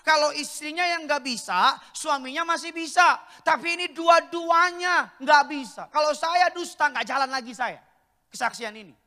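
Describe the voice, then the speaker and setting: A man preaching in a live church service, his voice pitched high and sharp. He speaks, rising to loud exhortation and falling to low joking asides. Long reverb from the church hall trails behind his words. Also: normal speed. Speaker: pastor. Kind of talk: sermon.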